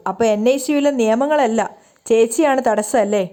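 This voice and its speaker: Woman reading a desperate stubborn young father, earnest, insistent, mellow higher voice, story recap. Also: normal speed, close to an everyday voice.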